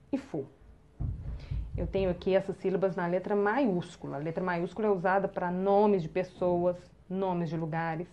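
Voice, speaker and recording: A woman with a Brazilian Portuguese accent teaching children to read, sounding out syllables slowly and clearly. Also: medium pitch, warm tone. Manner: slow, drawn-out sounding of syllables to the viewer. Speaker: literacy teacher. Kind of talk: children's phonics lesson.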